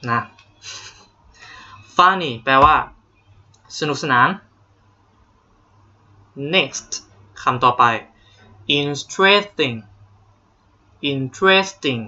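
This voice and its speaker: A young Thai man with a high-side, bright, forceful voice speaks extremely slowly, pausing often, while teaching English vocabulary online. With a Thai accent and a playful, jokey style, he drills words using exaggerated pronunciation, recorded at home in dull lo-fi quality.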